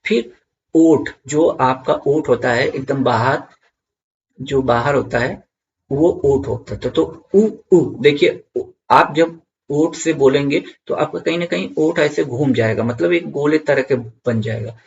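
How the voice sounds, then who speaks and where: A man's voice: medium pitch, a little slow, creaky, highs cut off. A man teaching an online grammar lesson for exam students, repeating key points and checking in with viewers.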